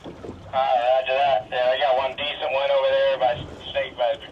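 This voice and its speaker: A fishing boat captain speaking over a two-way radio in clipped radio talk. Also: male voice, medium pitch, level tone, moderate pace, a little hiss or hum. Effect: heard over a boat's two-way radio. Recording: muffled radio with loud background babble.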